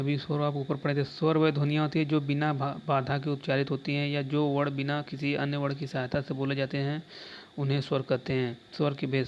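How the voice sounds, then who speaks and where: A man teaching an exam-prep lesson, reading answers aloud step by step, often repeating terms and saying "dekhiye". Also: mid-range voice. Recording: slightly dull lo-fi recording with faint background noise.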